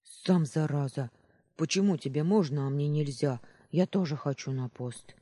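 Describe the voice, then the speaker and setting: A man's voice: a little high, moderate pace, mellow, lightly acted. A man voicing a cheeky, hot-headed young boy who talks back defiantly, in an audiobook reading.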